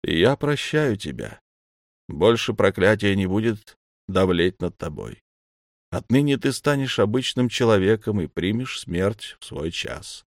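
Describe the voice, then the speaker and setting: A man voicing a male god who speaks slowly and measuredly, with lofty regret. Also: lowish voice, expressive, no echo, studio quality. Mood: calm.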